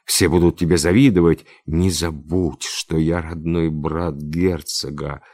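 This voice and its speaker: A man's voice: a bass voice, fairly even intonation, measured pace, darkish tone, no room sound, clean studio sound, full character voice. A man reading aloud, playing a domineering general who presses his suit insistently in a storybook tale. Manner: insistent, wheedling then commanding. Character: domineering older general, pushy suitor.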